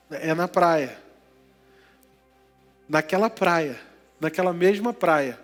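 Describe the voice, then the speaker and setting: A male preacher with a fairly high voice delivers an animated sermon, trading storytelling for jokes and questions to the crowd. His voice rings with a long church reverb, and soft music plays under it. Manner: animated storytelling with jokey asides and questions to the congregation.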